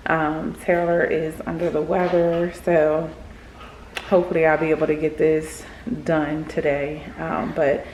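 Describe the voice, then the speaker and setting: Low-pitched woman vlogger, slight retainer lisp. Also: level tone, unhurried, darkish tone, slight background noise, rough recording. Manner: slightly lisped speech from wearing retainers. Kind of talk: casual rambling chat to viewers.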